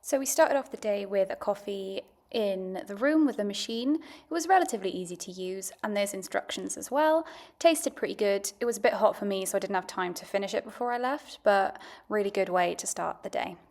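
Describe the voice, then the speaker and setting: A woman's voice: mid-range voice, animated, fairly quick, darkish tone. A woman giving a casual, chatty, understated voice-over review as a food and travel vlogger.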